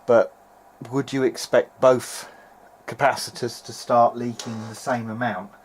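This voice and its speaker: This mid-range male voice stays flat and unhurried as he offers tentative, off-the-cuff remarks while repairing old audio equipment for his videos. He holds a handheld camera at his home workbench, and the homemade recording carries obvious noise.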